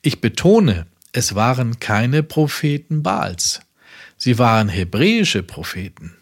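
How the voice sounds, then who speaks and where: A man reads out a sermon with measured, emphatic phrasing. His pitch sits in a middle register but moves a lot, climbing on stressed words. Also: big pitch swings, slightly rough. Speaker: preacher. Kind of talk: reading a sermon aloud.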